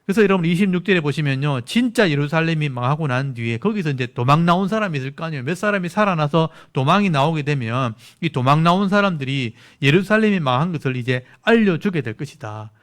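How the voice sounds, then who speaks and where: A man's voice: a little high, animated, fast, hardly any pauses. A male pastor preaching an expository midweek sermon, reading verses aloud and explaining them plainly to his congregation. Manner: explains scripture plainly, reads verses aloud, asks listeners to look at verses.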